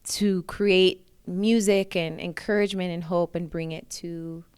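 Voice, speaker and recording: A woman's voice: lowish voice, steady tone, a little slow, darkish tone, clean tone, no room sound, clean studio sound. A woman from New York, a singer and interview guest, chatting casually and laughing often. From New York, USA.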